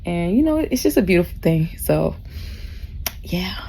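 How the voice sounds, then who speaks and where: In a cruise ship cabin, a 39-year-old vlogger rants to camera while drunk, gushing and sincere, cursing freely and drifting off topic. Her voice is fairly low, gravelly and warm, sing-song at a moderate pace, with faint noise behind her.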